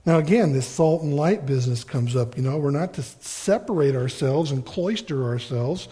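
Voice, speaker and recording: A man's voice: a little high, moderate pace, dark tone, slightly rough. A middle-aged male pastor preaching a conversational, folksy sermon with storytelling asides.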